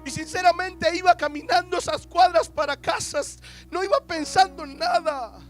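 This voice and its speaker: A man's voice: very high voice, steady tone, normal speed, fairly bright tone, faint music behind. A young man, preaching a sermon as an emotional personal testimony with quoted dialogue.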